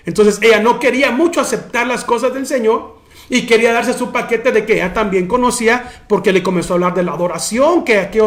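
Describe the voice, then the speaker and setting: A man, a pastor teaching a sermon in an animated way. He keeps addressing listeners as brother. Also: very high-pitched.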